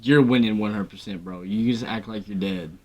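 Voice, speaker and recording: A man's voice: on the low side, fairly quick, dark tone, muffled recording. A man co-hosting a reaction video in casual, joking chat, laughing often and talking in slang.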